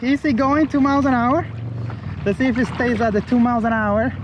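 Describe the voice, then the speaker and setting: This vlogger has an extremely high voice, talks a little fast, and his audio has the highs cut off. Reviewing a paddleboard kayak in shallow coastal water, he eagerly shows it off and announces his speeds while paddling. Action cameras on the board and the shore record the casual demo, along with outdoor wind and water sounds.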